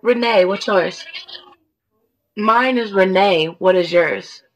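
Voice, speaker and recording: A woman's voice: mid-range voice, slow, low-quality recording. A woman in her twenties from Oklahoma, chatting casually and playfully on a video call. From Oklahoma, USA. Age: 20s. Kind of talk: casual chat.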